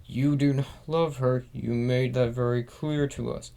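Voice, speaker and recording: A man's voice: medium pitch, steady tone, a little slow, vocal fry, warm tone. Cold scheming grandmother, read out by a man. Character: cold manipulative grandmother, older woman.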